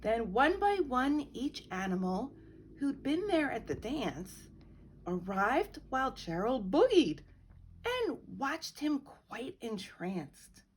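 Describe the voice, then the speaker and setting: A middle-aged woman reading a children's picture book aloud with slow, expressive storytelling. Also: high-pitched, a little hiss or hum. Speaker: guest reader.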